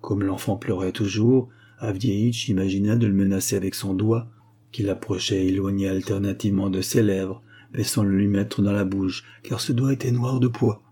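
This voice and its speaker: Husky-voiced male storyteller. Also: fairly low pitch, steady tone, moderate pace, warm tone. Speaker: audiobook narrator. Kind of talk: storybook narration.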